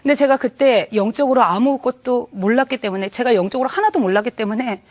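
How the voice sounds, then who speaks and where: A middle-aged woman gives a church testimony in a slightly high voice. She tells the story earnestly and vividly and acts out each scene as she goes. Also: lively intonation, fast, a little mellow. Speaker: testimony speaker.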